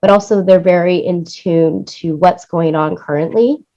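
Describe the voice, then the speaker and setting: Heard through dull, lo-fi sound, a female guest who is a music supervisor and producer gives relaxed interview answers at a moderate pace. Her voice sits low, steady and warm. She keeps checking in with "you know" or "right?" while she explains.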